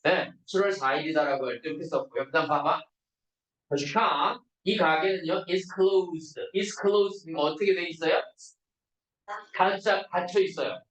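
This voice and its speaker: A man with a fairly high voice teaches an English grammar lesson in a classroom. He keeps asking his students to confirm they follow and slows right down for the example sentences. The sound is roomy, picked up from some distance. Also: fairly bright tone. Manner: asks students constant check questions; reads English examples slowly and deliberately.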